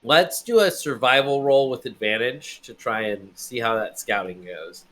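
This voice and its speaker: A man's voice: medium pitch, moderate pace, a bit bright. A young man running a tabletop game, casual and rambling with many fillers. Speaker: game master.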